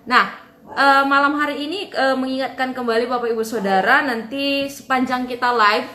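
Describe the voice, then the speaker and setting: A woman hosting an online Bible study, addressing viewers politely with some hesitant pauses. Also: high voice, fairly even intonation, background noise. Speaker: host. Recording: roomy, echoing sound.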